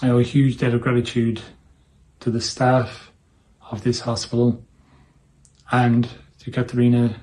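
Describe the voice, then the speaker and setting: A man in his fifties with a Dublin Irish accent, giving a prepared personal testimonial in measured, short phrases. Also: medium pitch, monotone, a little mellow, rough recording. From Dublin, Ireland. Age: 50s.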